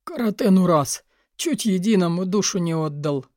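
A woman voicing a gruff, wheezing old major. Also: low voice, measured pace, no echo, clean studio sound, pitched below the performer's own voice. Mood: grumbling. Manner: wheezing, grumbling. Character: gruff older male major, blustering.

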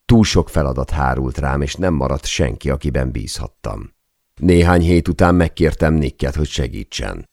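Guy reading an audiobook, super low voice with some fry, dead dry studio sound. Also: dry recording. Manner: steady storytelling read, lightly voicing quoted speech. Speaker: audiobook narrator. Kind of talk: scripted audiobook narration.

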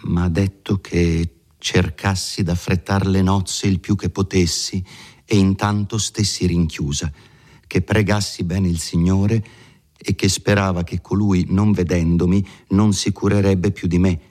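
A man's voice: low-pitched, flat delivery, a little slow, a little mellow. A man reading the part of a timid, devout young village bride who speaks in an earnest, pleading way, in an audiobook of a classic novel. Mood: confessing.

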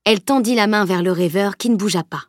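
A woman narrating an audiobook in a measured, even storytelling voice. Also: mid-range voice, no room sound, studio quality.

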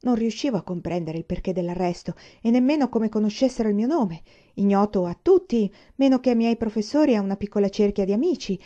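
A woman reading a novel aloud at a steady, measured pace. Her voice is mellow and warm, and the recording is dull and muffled. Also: medium pitch. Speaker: audiobook reader.

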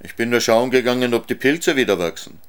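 A man reading a storybook aloud, voicing a calm, gentle young girl who speaks plainly. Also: mid-range voice, a little fast, pitched above the performer's own voice, lightly acted.

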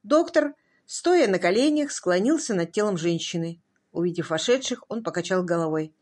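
A woman reading a detective novel aloud in even, scripted narration. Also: on the low side, moderate pace. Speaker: audiobook narrator.

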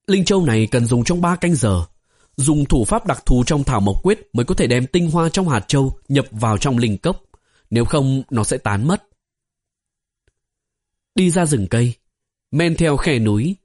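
A man narrating a fantasy novel as an audiobook, in a steady storytelling manner. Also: mid-range voice. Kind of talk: scripted narration.

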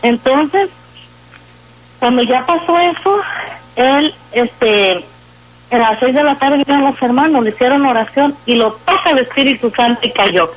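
A woman tells a personal faith testimony on call-in radio, in an earnest, halting way with frequent fillers. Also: high voice. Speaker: guest sharing a faith testimony. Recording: tinny phone line with faint music.

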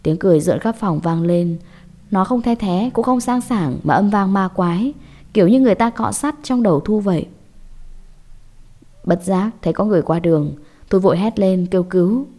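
A woman telling a scripted horror story in a measured, dramatic way. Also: mid-range voice, animated, mellow.

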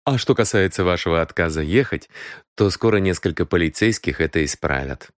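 A man playing a cool male detective lays out his case in a cold, measured voice. He stays firm and unhurried, with lively rises and falls. The sound is dry and close-miked. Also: deep voice, dry recording. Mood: stern.

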